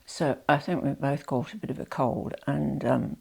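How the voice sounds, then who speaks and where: A woman with a head cold rambles through a vlog showing her handbag collection, sounding nasal and dropping frequent "you know" asides, sometimes sinking to soft near-whispers. Her voice is extremely low, gravelly, and breathy at the edges, at a moderate pace.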